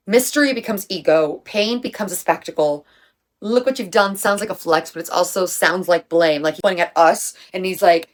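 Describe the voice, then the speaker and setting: A young woman talking casually through a video essay on music, chatty and emphatic, with slang and the odd swear. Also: mid-range voice. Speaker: music commentary creator.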